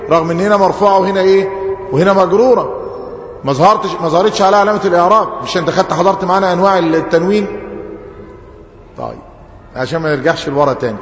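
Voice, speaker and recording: A man with an Egyptian accent, a sheikh teaching an Arabic grammar lesson, who poses questions to the class and answers them himself. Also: high voice. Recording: echoey hall, dull lo-fi sound.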